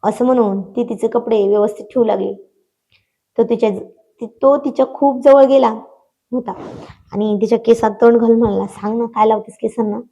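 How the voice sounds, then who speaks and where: A woman narrating a romantic audio story in a gentle, expressive storytelling manner. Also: on the high side, moderate pace, long pauses. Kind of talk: scripted narration.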